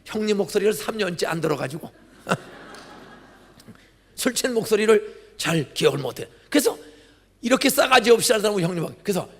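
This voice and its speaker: An older man, a pastor, giving a dramatic sermon full of storytelling, acted-out dialogue and sudden loud outbursts. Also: on the high side, slightly rough. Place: large church sanctuary. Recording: church hall reverb.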